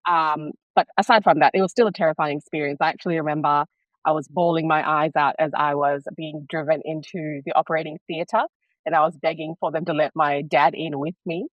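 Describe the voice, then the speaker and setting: Calm explanatory woman from Bangladesh. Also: deep voice, brisk, dry recording, lo-fi sound. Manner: calm, explanatory, laughs easily. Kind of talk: casual interview conversation.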